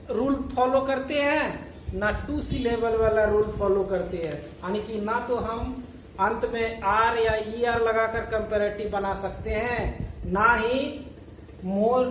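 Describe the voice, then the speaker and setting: A man's voice: sits high, a little hiss or hum. A male teacher explaining grammar. He keeps asking rhetorical questions, answers them himself, and patiently repeats and spells out words. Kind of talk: classroom grammar lesson. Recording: echoey room, voice from far off.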